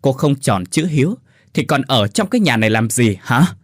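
A man's voice: mid-range voice, big pitch swings, moderate pace, no room sound, clean studio sound. A man voicing a cold, contemptuous husband who snarls through gritted teeth.

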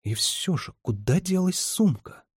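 A lively, teasing young woman with a husky, mellow tone, as a male reader puts her on. She sits a little higher than the narration, with a dry, close sound in an audiobook. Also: a little slow, no room sound, heavily acted. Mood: wistful. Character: young woman, royal adviser, spirited and teasing. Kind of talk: audiobook character reading.

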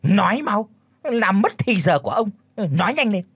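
A man voicing a bullying, foul-mouthed old village chief who shouts threats and orders. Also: fairly high pitch, big pitch swings, measured pace, dry recording.

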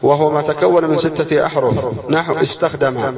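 A man's voice: fairly high pitch, steady tone, brisk, over a noisy crowd. A man teaching an Arabic spelling lesson, reading from a text, explaining it and quizzing his students, repeating key words. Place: classroom. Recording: distant dull classroom recording with students around.

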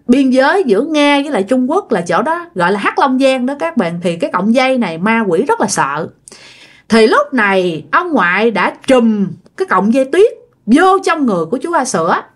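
A woman telling a ghost story in a chatty way, often addressing her listeners directly. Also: fairly high pitch. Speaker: storyteller host. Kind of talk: casual ghost-story narration.

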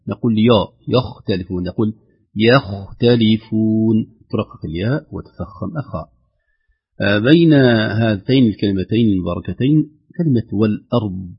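A man teaching Quran recitation, explaining letter sounds and demonstrating pronunciation with slow, drawn-out examples. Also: lowish voice, husky. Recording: dull lo-fi recording.

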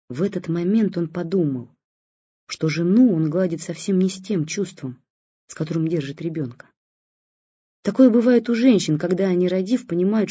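Audiobook narrator, calm storytelling, husky and dry, lo-fi sound. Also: medium pitch, no echo. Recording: dull lo-fi recording.

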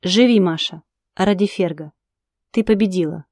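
A young male fighter with a quiet, resolved calm, as a woman narrator voices him. He speaks in a mellow voice at a slow, steady pace. Nothing in his tone sounds hurried. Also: fairly low pitch, dry recording, studio quality.

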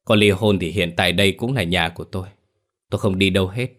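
A man's voice: sits low, fast, fairly bright tone. A man voicing a young wife who is wronged, defiant and desperate, in a told story. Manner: pleading, then bitter.

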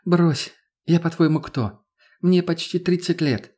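A man's voice: a little high, measured pace, mellow, voice pushed up. A man voicing a sly, persuasive businesswoman of about thirty in an audiobook. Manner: knowing, persuasive.

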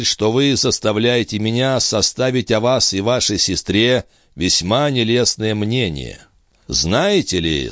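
A man voicing a tired, haughty count who answers slowly and with calm disdain. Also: medium pitch, no echo, clean studio sound, pitched above the performer's own voice. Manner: slow, languid, condescending.

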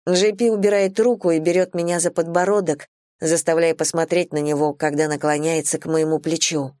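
A woman narrating a first-person romance audiobook in an even, intimate, low-key reading. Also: fairly quick, no room sound, clean studio sound.

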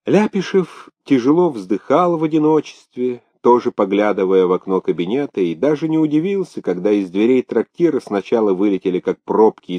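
A man narrating a story in a scripted, expressive manner. His voice is low and dark, and his pitch moves animatedly through the sentences. The recording is dry and dull, with a lo-fi sound. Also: dry recording. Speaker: audiobook narrator.

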